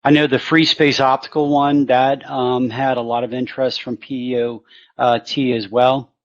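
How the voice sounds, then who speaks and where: Halting, flat-voiced man on a video call. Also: mid-range voice. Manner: hesitant, halting, many fillers. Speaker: Navy program panelist. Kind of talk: unprepared panel remarks. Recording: muffled video call audio.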